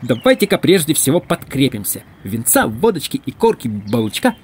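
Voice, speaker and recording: A man's voice: mid-range voice, sing-song, moderate pace, a little mellow, slightly rough. A male reader voicing a fussy, pompous male clerk who talks in long, wordy phrases. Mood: coaxing.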